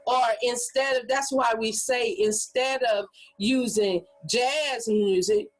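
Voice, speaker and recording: Husky animated woman coaching speakers. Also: fairly high pitch, slow pace, soft background music, low-quality recording. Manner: animated, demonstrates delivery with hype voices and whispers. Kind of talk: training workshop talk.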